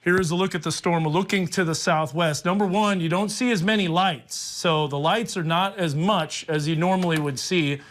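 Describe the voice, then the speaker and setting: A man's voice: sits high, moderate pace, few pauses, a bit bright. A man presenting live, unscripted severe weather coverage as a TV meteorologist, explaining things and directing the crew as he goes. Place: TV studio.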